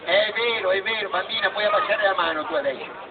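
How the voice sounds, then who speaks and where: A man voicing a bossy, excitable, fretful puppet who addresses children emphatically in a live comic show. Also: high-pitched, fast, close to an everyday voice. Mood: alarmed rallying. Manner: questioning children directly, emphatic. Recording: tinny, noisy, distant outdoor crowd recording.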